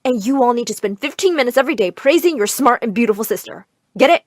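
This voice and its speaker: In a clean studio recording with no echo, a woman plays a shrill, overbearing middle-aged mother who dotes on her daughter. Her fairly high, expressive voice moves at a quick pace as she screeches bossy, melodramatic demands.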